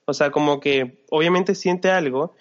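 A man's voice: fairly high pitch, a little slow. A young man with a Chilean accent, chatting casually in a hesitant, reflective way. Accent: Chilean Spanish. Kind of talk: casual chat. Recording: dull lo-fi audio.

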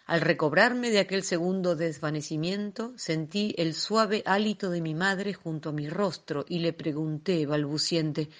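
Lady reading an old story out loud, low voice, calm and expressive. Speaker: reader. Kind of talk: audiobook reading of a classic tale.

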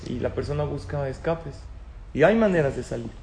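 A man's voice: mid-range voice, animated, a little fast, creaky, a little mellow, slight background noise. A man giving a religious talk to an audience, telling stories and asking them questions. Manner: storytelling, asks the audience questions. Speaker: rabbi lecturer. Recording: echoey room with faint ambience.

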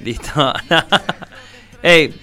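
A man's voice: a little high, very slow, bright, forceful tone, soft background music. A young man with an Argentine accent, hosting a radio show and chatting casually, joking and laughing often. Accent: Argentine Spanish. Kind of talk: casual chat.

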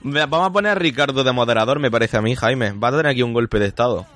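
A man's voice: medium pitch, fast talker, a bit bright. A man hosting a casual podcast chat, reading listener comments aloud, laughing often and swearing casually.

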